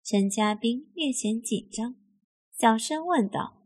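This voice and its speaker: Woman reading an erotic story, high-ish voice, really slow and even. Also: slightly rough. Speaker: narrator. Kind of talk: scripted erotic story narration.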